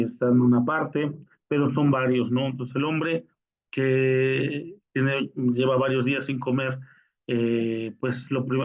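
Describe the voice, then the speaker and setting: A male minister preaching in a conversational storytelling way, often with tag questions. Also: medium pitch. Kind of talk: sermon storytelling. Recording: lo-fi recording.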